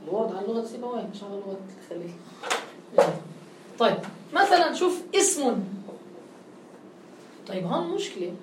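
A woman teaching a grammar lesson. She keeps checking understanding with quick questions and affirmations. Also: fairly high pitch, animated, echoey room, heavy background noise.

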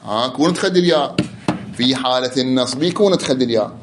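A man's voice: mid-range voice, noisy background. Iraqi man teaching grammar, echoey room. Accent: Iraqi Arabic. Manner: explains with repeated examples, chants quoted verse slowly. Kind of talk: grammar lesson.

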